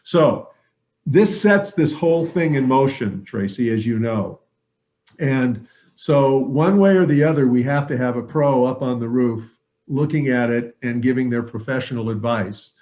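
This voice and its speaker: A man's voice: mid-range voice, measured pace, highs cut off. A middle-aged man, a real estate agent, giving earnest advice in a casual discussion, with frequent filler words. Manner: earnest and advising, many "uh" and "um" fillers.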